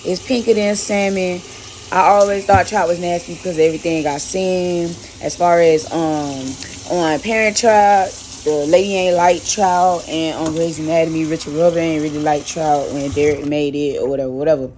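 With a deep, steady, darkish voice at a moderate pace, a young Miami woman chats through a casual cooking vlog while preparing fish in her home kitchen. She's slangy and chatty, repeating words as she works, with a little hiss or hum present.

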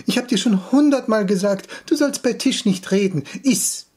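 A man's voice: sits high, moderate pace, a little mellow, husky. A man voicing a strict, irritated mother who scolds her son at the table. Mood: scolding. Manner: scolding, curt commands.

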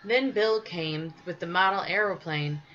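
Woman storybook reader, measured and expressive, slightly dull recording. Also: on the low side. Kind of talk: reading a children's story aloud. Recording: slightly dull with faint hiss.

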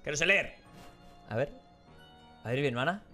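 A young man giving excitable, casual let's play commentary and swearing freely. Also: medium pitch, moderate pace, soft background music. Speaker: YouTube gaming host.

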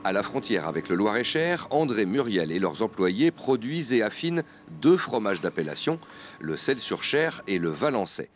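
A man reading scripted news narration as a reporter, with an expressive delivery. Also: fairly low pitch, normal speed, slight background noise.

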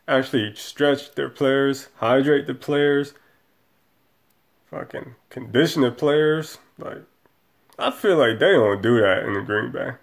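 A man's voice: mid-range voice, vocal fry. A man in his thirties giving a profane, rambling post-game rant as a football fan, filmed in a small room on a webcam. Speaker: sports fan vlogger.

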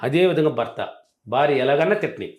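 A man coaching couples, talking fast and emphatically and driving his points home with repetition. His voice sits slightly high. A roomy echo hangs around his words. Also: animated. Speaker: relationship coach. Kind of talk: advice talk.

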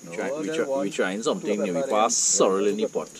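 A man's voice: fairly low pitch, quick pace, over a noisy crowd. A Trinidadian man casually narrating a nighttime outdoor cookout vlog for the camera, easygoing and chatty, laughing often. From Trinidad and Tobago. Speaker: vlogger.

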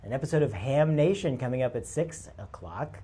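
A man's voice: mid-range voice, lively intonation, a little fast, dark tone, slightly rough. A man hosting live parade commentary from a TV studio, upbeat and playful. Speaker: host. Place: TV studio overlooking the street.

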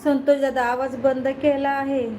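A woman with a high voice hosts a casual live stream from her phone. She talks loudly, welcoming viewers one after another. The recording carries clear background noise. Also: flat delivery, a little slow, low-quality recording. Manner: loud, greets viewers by name, keeps asking if she is heard. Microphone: phone held close.

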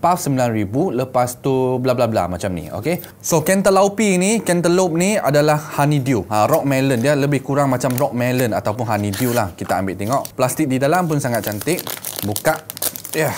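A man's voice: mid-range voice, animated, fairly quick, a little mellow, a little hiss or hum. Malaysian man doing a casual product review. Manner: colloquial, repeats phrases, talks to viewers as 'guys' and 'gang'. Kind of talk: casual unboxing and review vlog. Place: small indoor room set up as a gaming studio.

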